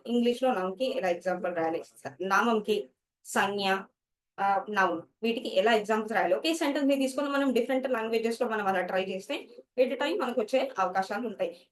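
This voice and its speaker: A woman's voice: a little high, recorded from a distance. A woman teacher, explaining study skills to students and mixing English words into her talk.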